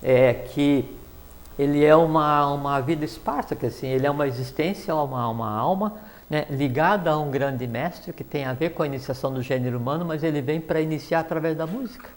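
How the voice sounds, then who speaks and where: A man's voice: on the high side, a little fast. A man explaining spiritual teachings in a rambling talk, with many fillers and restarts.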